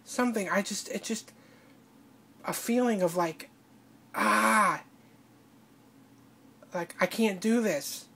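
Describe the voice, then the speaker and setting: A woman crying as she speaks in a personal video diary, halting and breaking off to restart her sentences. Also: mid-range voice, husky. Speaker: vlogger.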